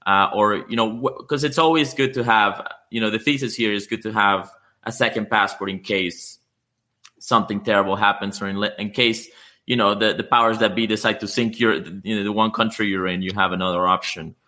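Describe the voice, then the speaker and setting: Male podcast host, low voice, sharp bright tone, halting questions. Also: steady tone. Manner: halting, many fillers and restarts. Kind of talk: conversational podcast interview.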